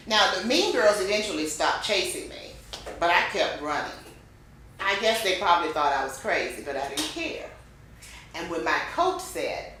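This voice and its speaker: A woman runs a speech class, putting emphasis on words and letting her voice rise and fall. Her voice sits a little low. The room is heavily echoey with a faint hiss of noise. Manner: expressive, varies pitch and emphasis. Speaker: speech club instructor. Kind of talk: classroom teaching.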